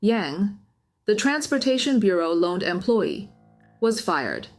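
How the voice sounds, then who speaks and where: Female documentary narrator, scripted news-story delivery, medium pitch, light music bed underneath. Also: very animated, slow pace.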